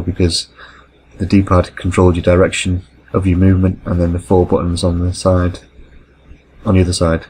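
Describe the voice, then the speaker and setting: Low-voiced man rambling. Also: darkish tone, a little hiss or hum, poor audio. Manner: rambling, anecdotal, self-correcting. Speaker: gameplay commentator. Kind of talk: casual storytelling over gameplay.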